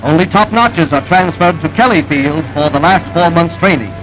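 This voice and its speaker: A man narrating an old newsreel in a brisk, emphatic announcer delivery. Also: a little high, music in the background, poor audio.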